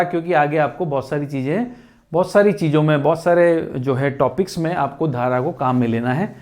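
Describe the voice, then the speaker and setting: A male physics teacher talks through a lesson in an unhurried, patient way, circling back to key points and checking in with his students. His voice sits somewhat high for a man. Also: darkish tone. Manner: patient, repetitive explaining with frequent check-ins. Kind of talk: classroom-style lesson explaining syllabus changes.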